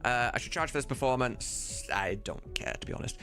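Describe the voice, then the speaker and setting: Over background music, a man who streams and directs voice work for a game mod chats casually, reasoning out loud with eager emphasis and some light swearing. His voice sits at medium pitch, quick and sharp in tone.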